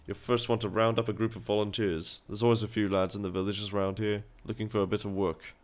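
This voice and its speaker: A man's voice: fairly low pitch, little pitch movement, brisk, close to an everyday voice. A man reading a game's dialogue aloud, voicing a scheming middle-aged male town merchant in a persuasive, businesslike way with put-on accents.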